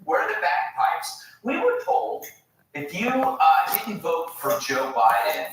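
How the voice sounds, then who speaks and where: A man giving mocking, joke-filled commentary on a talk panel, with punchy sarcastic delivery. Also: high voice. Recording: echoey room, distant mic, background noise.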